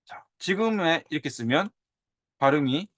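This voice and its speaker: 옛 문헌을 보여 주며 예시 발음을 되풀이해 가며 강의하는 남자 교사. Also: male voice, fairly high pitch, normal speed, dry recording. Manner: animated, drawls and repeats example sounds. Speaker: teacher. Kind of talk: lecture on old Korean script.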